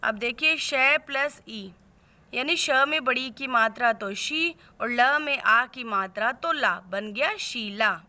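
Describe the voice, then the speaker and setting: A woman teacher giving a lesson, explaining slowly and patiently, step by step. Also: on the high side, pushed and bright. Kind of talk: classroom lesson on word spelling.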